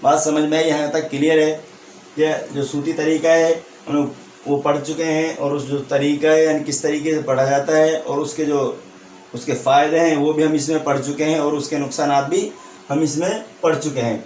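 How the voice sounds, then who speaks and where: Male teacher, slightly high voice, lecture style that quizzes and restates each point, roomy distant recording. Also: flat delivery, a little mellow, slight background noise. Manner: repeats each point as a question and answers it; checks understanding with a tag question. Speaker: Urdu teacher. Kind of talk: online exam-prep lecture. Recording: echoey room, voice from a distance.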